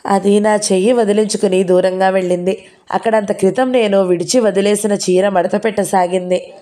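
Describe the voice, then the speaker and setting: A woman narrating a novel in the first person with steady storytelling. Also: medium pitch, normal speed. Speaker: audiobook narrator.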